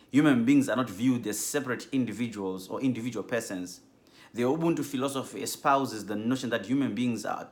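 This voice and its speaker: A man from Zimbabwe introduces himself for a class, speaking in a fairly low voice. He is measured and earnest and often pauses on an um. It is a recorded self-introduction by a theology student. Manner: measured, earnest, with frequent ums.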